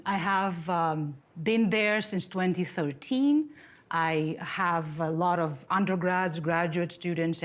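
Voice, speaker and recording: Friendly woman from Greece giving seminar. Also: fairly low pitch. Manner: friendly, conversational, with fillers and restarts. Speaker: seminar speaker, professor. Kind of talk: academic seminar talk. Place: lecture room, standing at a podium.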